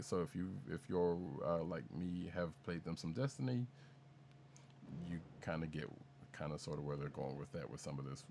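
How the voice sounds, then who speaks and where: A man with a very deep voice co-hosts a casual podcast, rambling through news items. He restarts sentences and drops jokes along the way. A faint hiss sits under the recording. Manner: rambling, self-correcting, jokey. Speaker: podcast co-host.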